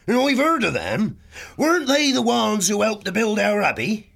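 A man's voice: high-pitched, sing-song, moderate pace, vocal fry, fairly bright tone, pitched above the performer's own voice, full character voice. A man voicing a big, good-natured male otter cook with a rustic homely dialect. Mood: hearty.

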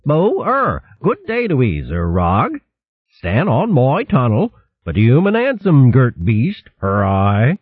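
A man voicing a lively young female hare who chatters in a rustic mole dialect. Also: slow pace, slightly rough, no echo, heavily acted. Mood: chirpy. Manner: high, bright mimicry of rustic mole dialect. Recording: thin phone-like dry sound.

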